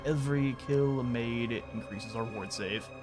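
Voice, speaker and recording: A man streaming a strategy game, giving relaxed, chatty commentary and explaining his moves and the game's lore as he plays. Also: mid-range voice, measured pace, loud music behind the voice. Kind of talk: casual gameplay commentary.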